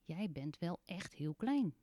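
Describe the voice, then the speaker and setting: A woman's voice: on the low side, big pitch swings, takes it slowly, warm tone, dry recording. A woman voicing a puzzled young boy in a storybook reading, her voice lifted a little.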